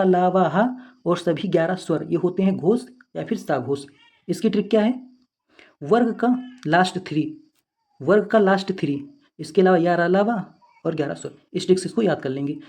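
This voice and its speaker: A teacher giving a quick exam revision lesson, asking questions and answering them, repeating memory tricks. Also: medium pitch, warm tone.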